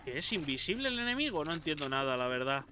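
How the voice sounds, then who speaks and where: A man from Spain talking through a zombie game, excitable and cursing freely as he jokes about what he finds. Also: fairly high pitch, quick pace, heavy background noise. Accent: Spain Spanish. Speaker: gameplay commentator. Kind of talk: casual let's-play commentary.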